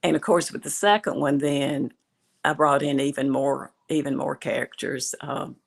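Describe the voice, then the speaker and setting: An older woman with a Southern accent chats as a novelist guest on a video call, telling her stories in a relaxed way. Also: extremely low pitch, moderate pace, vocal fry, slightly rough. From West Tennessee. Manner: chatty storyteller. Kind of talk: casual chat.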